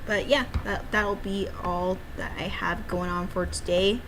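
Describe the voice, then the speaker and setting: An unhurried woman streamer, also an amateur game developer, rambles playfully on stream with cutesy little exclamations. Her voice is medium-pitched with fairly even intonation, and background noise is clearly audible.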